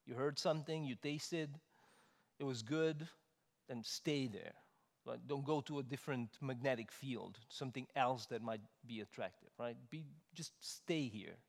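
A male preacher with a mid-range voice, his sermon rolling through a reverberant church hall. He swings between loud, emphatic stresses and quiet, conversational asides. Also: medium pitch, a little slow. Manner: rises to loud emphatic stresses, then drops soft and conversational.

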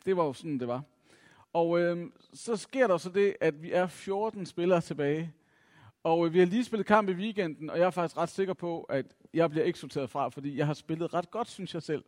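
Danish man telling a story in a hall. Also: fairly high pitch. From Denmark. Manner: reflective, self-mocking, many filler sounds. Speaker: speaker telling a personal story. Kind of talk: personal storytelling to an audience. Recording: long reverb from a hall.

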